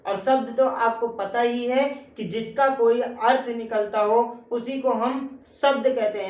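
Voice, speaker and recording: A woman's voice: a little high, a little mellow. A woman teaching English grammar in an online lesson, asking the class a question after each point and answering it herself. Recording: echoey room.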